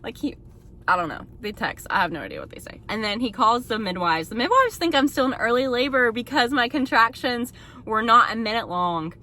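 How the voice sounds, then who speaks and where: Young woman, bright clear voice, chatty, lots of "like", laughs easily, casual storytelling. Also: on the high side, very animated, brisk, slight background noise. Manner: chatty, fills speech with "like", laughs often. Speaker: vlogger sharing her birth story.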